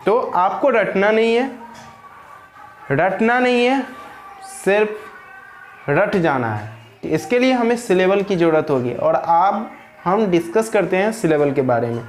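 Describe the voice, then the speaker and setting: A man's voice: sits high, animated, slow pace, pauses often, soft background music. A man teaching an English grammar lesson, who keeps asking and answering his own questions and repeating key words for his viewers.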